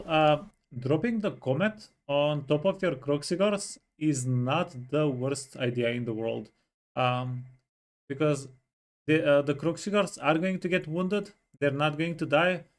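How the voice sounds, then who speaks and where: A man explaining game tactics in a casual, step-by-step way, with frequent pauses to think. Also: a little high. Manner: explanatory, hesitant fillers, walks through tactics step by step. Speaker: co-host giving gameplay tips. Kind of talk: casual gameplay coaching.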